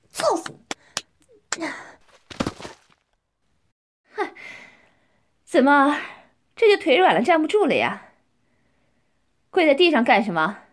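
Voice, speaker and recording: A woman playing a domineering, scornful young mistress. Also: sits high. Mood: commanding. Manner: taunting, with frequent drawn-out questioning "ah?" and "hm?". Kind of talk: adult audio role-play.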